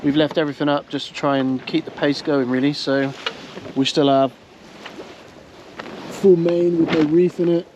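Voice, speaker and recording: A man's voice: a little high, moderate pace, muffled recording. Chatty man on a noisy boat. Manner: chatty, relaxed, with frequent ums. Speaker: sailing vlogger. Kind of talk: casual on-board narration. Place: on a sailing boat at sea. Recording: wind and water noise on a boat.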